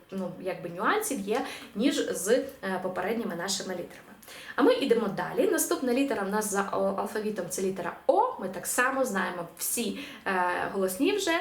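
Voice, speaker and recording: A woman teaching an online language lesson, saying example words slowly and clearly, then explaining them. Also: medium pitch, roomy sound.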